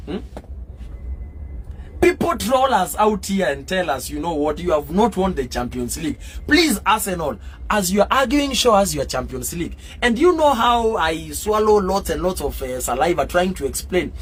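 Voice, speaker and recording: A Kenyan man with a voice that sits high chats casually on a live stream as a football fan, answering viewers with lots of fillers and growing excitable and loud. There's a little hiss or hum in the audio.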